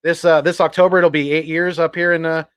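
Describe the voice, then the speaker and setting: A man from Northern California joins a sports podcast as a guest, his voice sitting a bit high. He chats in an upbeat way, often stopping to restart with "uh" and "I'm." The sound is dry and close, with no room behind it. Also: little pitch movement, clear, resonant tone, no room sound. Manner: upbeat, chatty, halting with fillers. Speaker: guest YouTuber. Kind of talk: casual sports podcast chat.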